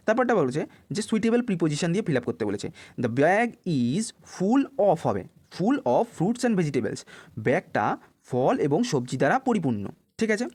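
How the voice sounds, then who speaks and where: A male tutor with a fairly high voice that rises and falls a great deal as he walks young students through exam answers. He reads sample sentences out slowly, one word at a time, explains them, and keeps asking whether the class has understood. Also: darkish tone. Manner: explains each answer, then checks with "okay?". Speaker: English tutor. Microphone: voice-over on a worked answer sheet.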